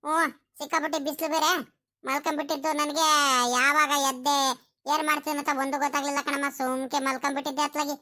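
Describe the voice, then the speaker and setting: A woman's voice: high-pitched, level tone, fast, sharp tone, voice pushed down. A woman voicing a bewildered, pleading young married daughter in a comedy cartoon. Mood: puzzled. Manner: pleading, questioning. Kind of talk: village comedy cartoon acting.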